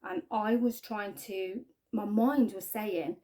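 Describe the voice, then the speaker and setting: A woman giving a halting, earnest personal testimony to camera, often trailing off quietly. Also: medium pitch. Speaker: spiking victim sharing her story.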